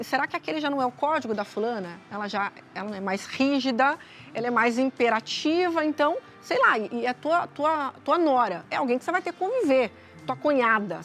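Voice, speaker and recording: A woman with a Brazilian accent, a psychologist guest explaining calmly on a talk show, often adding tag questions. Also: high-pitched, fast talker, soft background music. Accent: Brazilian Portuguese.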